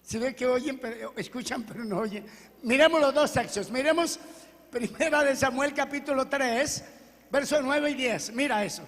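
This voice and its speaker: A man's voice: very high voice, moderate pace, fairly bright tone, big-room sound. A man preaching a sermon as pastor, reading scripture aloud and questioning his congregation. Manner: preaching with call-and-response questions and Bible reading. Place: church hall.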